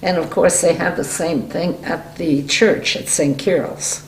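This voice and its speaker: Low, creaky elderly woman. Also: fairly even intonation, unhurried. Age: 70s or older. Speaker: interviewee recalling youth. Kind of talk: oral history interview. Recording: echoey room with faint noise.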